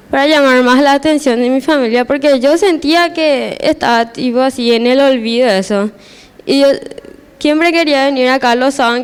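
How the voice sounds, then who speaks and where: A woman's voice: high-pitched, smooth. A teenage girl giving a personal church testimony, hesitant and repeating her words as she restarts.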